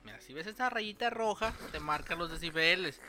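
A man's voice: fairly high pitch, expressive, fairly quick, bright, forceful tone, faint music behind. A man with a Mexican Spanish accent and Chicano-style slang, chatting casually and crudely as a joking podcast co-host. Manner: crude, irreverent banter.

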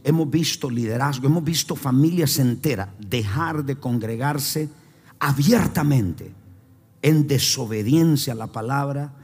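A man's voice: medium pitch, slightly rough. A man preaching a fervent sermon as a pastor, leading the congregation in call-and-response.

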